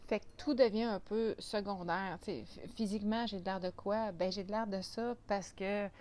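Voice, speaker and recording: A woman's voice: mid-range voice, fairly even intonation, normal speed, a little mellow, slight background noise. A woman with a Quebec French accent talking casually to camera as a vlogger, chatty and full of restarts and fillers.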